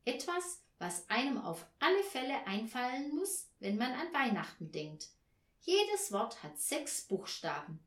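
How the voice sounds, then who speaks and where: Storybook schoolgirl, high and eager, bright and insistent, roomy sound, read by a woman. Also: big pitch swings, measured pace.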